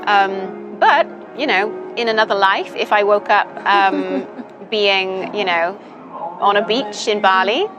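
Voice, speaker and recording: Taking it slowly in a medium-pitched voice, a young British woman chats thoughtfully as a guest in a casual interview, with many "ums" and "you knows." Music plays underneath, and the recording's highs are cut off.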